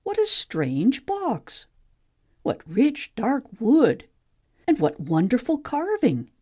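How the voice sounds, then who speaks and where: In an expressive amateur audiobook play reading, a woman plays the restless, wondering young heroine of a mythic play. Her slightly high voice is soft-edged and a little husky, with very lively melody, and the performance is heavily acted. She muses aloud, brimming with curiosity.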